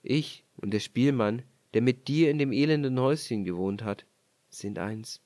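A man voicing a gruff, poor husband from a fairy tale who scolds and gives orders. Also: on the high side, very animated, moderate pace. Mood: gentle. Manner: scolding, commanding.

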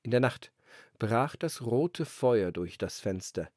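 Male storybook narrator, lively melody, dry close sound. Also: medium pitch, slow, no room sound. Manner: calm, expressive storytelling. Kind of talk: fairy-tale reading.

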